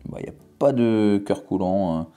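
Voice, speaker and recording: A man's voice: lowish voice, normal speed, dark tone, faint music behind. A young man casually talking through a food-tasting vlog, joking and speaking directly to his viewers. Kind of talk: casual vlog with sponsor read.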